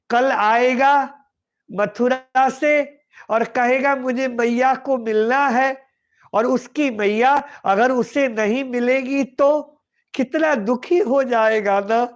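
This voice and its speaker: A man voicing Nand Baba, a grieving father who cries out in anguish and then gently consoles his wife. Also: very high-pitched, highs cut off, heavily acted.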